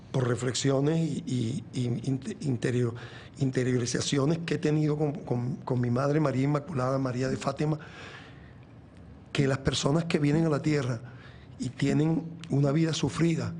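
A man's voice: mid-range voice, moderate pace, a little mellow, slight background noise. A Venezuelan man in his sixties, a guest in an interview, talking earnestly about faith, rambling with many restarts. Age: 60s. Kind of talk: reflective faith talk in an interview.

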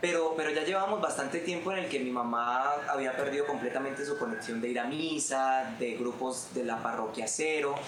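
Here a Colombian-accented guest musician in his twenties talks briskly with few pauses, his voice mid-range. He shares his faith story sincerely and from the heart in an interview, recorded in a spacious room with noise behind him.

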